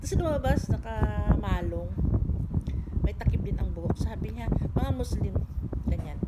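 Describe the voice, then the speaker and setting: A woman's voice: mid-range voice, expressive, moderate pace. A woman vlogger chatting casually to her viewers about her time as cruise ship crew, rambling with many fillers. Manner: addresses viewers as guys. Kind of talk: casual storytelling vlog. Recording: loud background noise.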